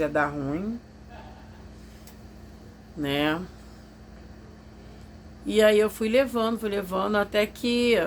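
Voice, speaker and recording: A woman's voice: medium pitch, slight background noise. A woman telling a personal testimony to her viewers, confiding and emotional, acting out what others said. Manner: confiding, emotional storytelling that acts out others' voices. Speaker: vlogger telling a personal story.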